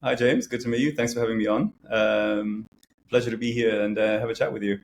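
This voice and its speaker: A man's voice: on the low side, fairly even intonation, brisk, slight background noise. A middle-aged man talking as an interview guest, casual and hesitant, with frequent fillers and restarts. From grew up in several countries.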